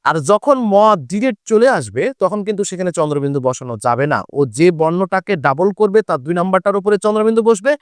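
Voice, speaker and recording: A man from Bangladesh teaching a Bengali grammar lesson for exam students, repeating each rule slowly and asking and answering his own questions. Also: high voice, animated, no room sound, clean studio sound.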